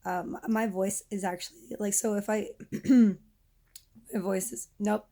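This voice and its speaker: A young woman in her twenties, hoarse from losing her voice, rambling casually in a vent vlog while lying down. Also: mid-range voice, steady tone, a little slow, warm tone. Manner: lying down, rambling with many restarts. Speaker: vlogger.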